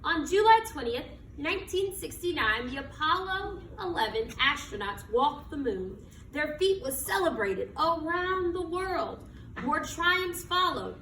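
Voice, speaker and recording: Reading a children's picture book at a measured pace, a high-voiced woman is very lively and expressive, phrasing things dramatically and putting questions to her listeners. The audio sounds roomy and far from the mic, with faint noise.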